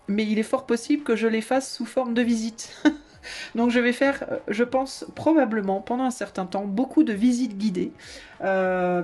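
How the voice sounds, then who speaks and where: A woman's voice: mid-range voice, a little mellow. Woman, tarot reader, casual and rambling, often laughing, hesitant restarts. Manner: chatty, hesitant, many fillers and restarts. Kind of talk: casual video chat.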